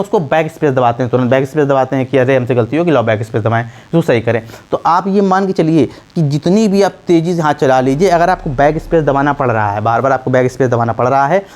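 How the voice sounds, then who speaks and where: Man, typing tutor, slightly high voice, casual, repeats himself, many fillers. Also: a little mellow. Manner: repetitive, hesitant, many fillers and restarts; keeps checking in with the listener. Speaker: typing teacher.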